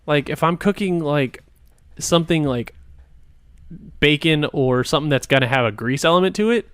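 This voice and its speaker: A man's voice: on the high side, normal speed, clean tone, no echo, clean studio sound. A man co-hosting a podcast, talking bluntly and jokily in casual chat. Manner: blunt, laid-back, jokey. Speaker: podcast co-host.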